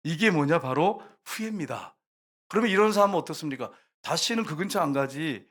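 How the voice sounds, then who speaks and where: A man's voice: fairly high pitch, expressive, brisk, fairly bright tone. A male pastor preaching a sermon, telling a story vividly, acting out voices and rooster crows, and often speaking straight to the congregation. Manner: often addresses the congregation directly.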